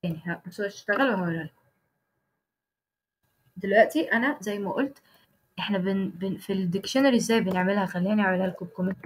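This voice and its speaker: Fast-talking Egyptian woman teaching code. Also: mid-range voice, slight background noise. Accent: Egyptian Arabic. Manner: explains step by step, checks in with students often; frequent restarts and self-corrections while typing code. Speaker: programming instructor. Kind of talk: live online coding lesson.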